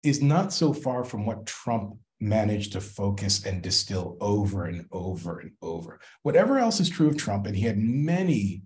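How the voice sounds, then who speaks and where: Lively, low-voiced man explaining. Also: normal speed, few pauses. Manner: reflective, emphatic, frequent "right?" tags. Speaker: guest scholar in conversation. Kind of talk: academic interview conversation.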